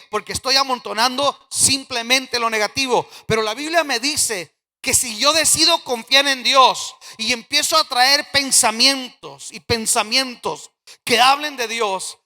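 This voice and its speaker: A man preaching a sermon as pastor, swinging from loud emphatic declarations to quiet, low asides. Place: church sanctuary. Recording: church hall with long reverb.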